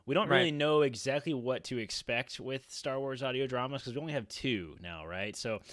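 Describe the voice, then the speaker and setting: Close up on a boom-arm studio mic in a small home room, a podcast co-host in his thirties chats loosely during a casual roundtable. His voice is medium-pitched and a bit bright, his pace moderate, and there's no room sound.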